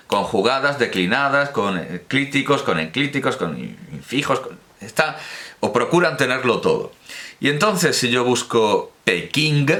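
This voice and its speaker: Guy thinking out loud, bright voice, lots of ums and restarts. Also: mid-range voice. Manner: rambling, self-correcting, with many fillers and restarts. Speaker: podcast host. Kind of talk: unscripted spoken analysis.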